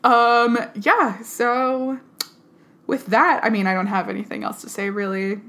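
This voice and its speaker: Young woman podcaster, bright forward voice, chatty storyteller, mild sore throat, echoey room. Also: on the high side, steady tone, unhurried. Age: 20s. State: has a cough and sore throat. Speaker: podcast co-host. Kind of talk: casual chat. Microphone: one mic shared by two people. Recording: echoey room, one shared mic.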